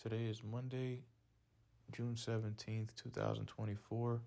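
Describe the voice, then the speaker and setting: A man leaving a voicemail as a caller seeking a lawyer, speaking slowly and deliberately and spelling out his details. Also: on the low side, level tone, vocal fry, warm tone.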